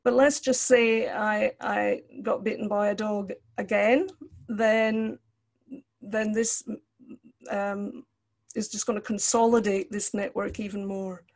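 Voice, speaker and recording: Over a video call from an indoor room, an older Scottish counselling lecturer gives an online talk illustrated with personal examples. She speaks slowly and conversationally, her medium-pitched voice steady and a little mellow.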